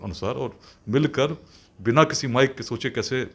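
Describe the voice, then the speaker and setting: A man's voice: medium pitch, moderate pace, slightly rough. A man from Bihar, a police officer, answering interview questions in an earnest, formal, speechlike way. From India, Bihar.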